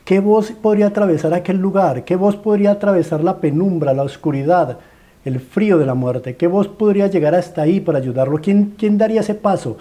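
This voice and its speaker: A man's voice: sits high, brisk, dark tone. A man with a Colombian accent preaching a sermon as a dramatic story, stacking rhetorical questions and repeated phrases in a pleading way.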